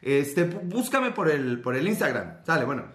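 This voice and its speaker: A young man with a Mexican accent, talking in a fairly high voice as he streams. He jokes, swears and slips into mock accents, and his voice carries the echo of a bare room. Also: sing-song, normal speed. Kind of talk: casual live-stream chat. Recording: echoey room.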